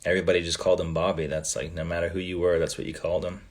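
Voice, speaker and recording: A low-voiced Canadian man whose native language is Italian hosts a casual livestream. He reads fan comments aloud in a relaxed manner, full of ums and trailing pauses.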